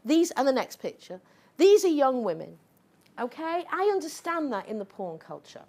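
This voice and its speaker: A middle-aged woman lecturing to an audience, her fairly high voice rising and falling sharply as she argues. She is sarcastic and combative and keeps checking in with "okay?" and "right?". She sounds like a seasoned speaker driving her case home. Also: very animated, normal speed, a little mellow. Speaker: sociology professor giving a lecture. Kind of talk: impassioned public talk.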